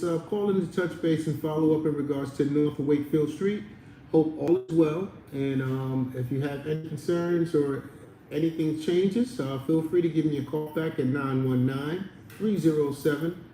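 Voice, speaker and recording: A man's voice: fairly high pitch, mellow. A man leaving a polite, upbeat voicemail to follow up with a property owner, speaking in a lifted, friendly phone voice. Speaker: real estate follow-up caller. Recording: echoey room with background noise.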